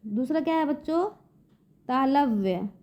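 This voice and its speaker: Slow, high-voiced woman teacher. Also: animated, a little mellow. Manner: patient, repeats "देखिए बच्चों" often. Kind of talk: slow classroom explanation to children. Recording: dull lo-fi recording.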